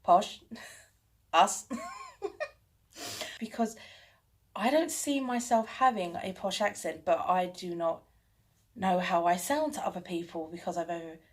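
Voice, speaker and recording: A woman's voice: fairly low pitch, expressive, moderate pace. Chatty woman talking to camera. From London, England. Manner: chatty, self-mocking, laughs often. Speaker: channel host. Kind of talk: casual chat to camera. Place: home room with bookshelves.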